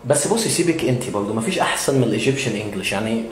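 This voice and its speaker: A man's voice: mid-range voice, lively intonation, very fast. A man with an Egyptian Arabic accent teaching English pronunciation, patiently modeling words with frequent filler sounds. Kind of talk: explanatory language lesson. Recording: very echoey room.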